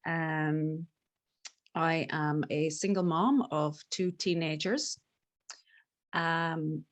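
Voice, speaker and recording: A woman's voice: sits low, very slow. A middle-aged woman with a west of Ireland accent, talking casually and reflectively as an interview guest in a candid, informal way. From Galway, west of Ireland. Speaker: podcast guest, life coach.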